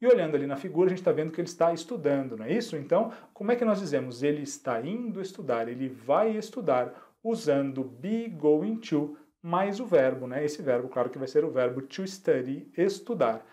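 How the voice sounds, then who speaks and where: A Brazilian man teaching an online English lesson, repeating each example slowly and checking in with his students often. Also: on the high side, lively intonation, mellow. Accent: Brazilian Portuguese.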